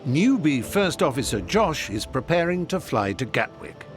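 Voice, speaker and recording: A man of medium pitch delivers scripted documentary narration with a very animated, swooping intonation. He sounds playful and wry, and music runs underneath. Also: moderate pace. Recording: voice-over on music bed.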